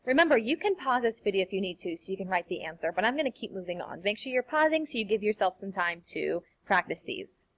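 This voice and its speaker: A woman's voice: mid-range voice, sing-song, a bit bright. Upbeat woman teaching a language lesson. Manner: upbeat, sing-song teacherly delivery with slow, careful modeling of examples. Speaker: Spanish teacher. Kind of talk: recorded classroom lesson.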